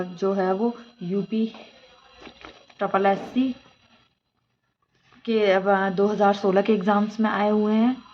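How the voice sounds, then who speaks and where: A woman's voice: medium pitch, lo-fi sound, a little hiss or hum. A woman teaching exam students, reading a book aloud and explaining each word, asking and then answering her own questions.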